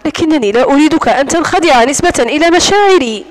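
A woman's voice: high voice, lively intonation, fast. A woman voicing a defiant, scornful young captive. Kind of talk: audiobook narration.

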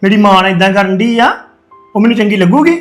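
A man's voice: high-pitched, quick pace, a bit bright, soft background music. A man playing a married son who reassures his mother and vows to set his wife straight. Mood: reassuring. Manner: reassuring, firm.

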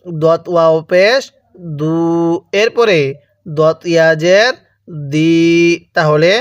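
Slow, high-voiced male Quran teacher. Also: clear, resonant tone, no room sound. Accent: Bangladeshi Bengali. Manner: drills syllables, repeating each one for the learner. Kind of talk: slow recitation lesson.

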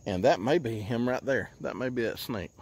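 A man, chatting casually while fishing from an outdoor lake dock, recorded on a handheld phone and often talking low and hushed. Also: moderate pace, husky. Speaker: fishing vlogger. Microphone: handheld phone camera.

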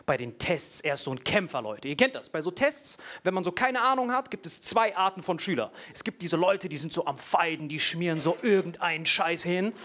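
Animated male comedian, lively high voice. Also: brisk, few pauses. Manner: slangy, animated, addresses the crowd. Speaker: stand-up comedian. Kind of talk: stand-up comedy set. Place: comedy stage before a live audience.

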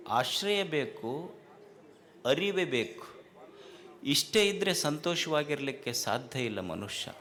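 A man giving a sermon to a crowd. He repeats lines for stress and builds to loud, emphatic questions. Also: medium pitch. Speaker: swami giving a spiritual discourse.

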